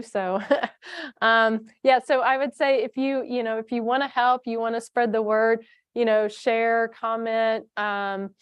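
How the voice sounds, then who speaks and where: A woman's voice: medium pitch, clean tone, dry recording. Chatty woman presenting at a conference. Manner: conversational, many fillers and restarts. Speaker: foundation staff presenter.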